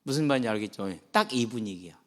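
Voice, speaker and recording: A man preaching a sermon to students as their pastor, animated, swinging between soft low passages and loud high ones. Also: quick pace. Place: church sanctuary. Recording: long hall reverb.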